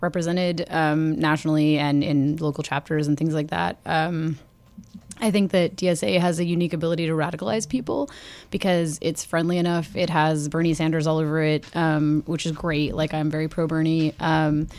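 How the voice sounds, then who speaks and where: A woman's voice: low voice, steady tone, moderate pace, a little mellow. A woman speaking as an invited guest on a radio interview, earnest and conversational. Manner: earnest, conversational, laughs easily. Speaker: guest, newly elected organization leader.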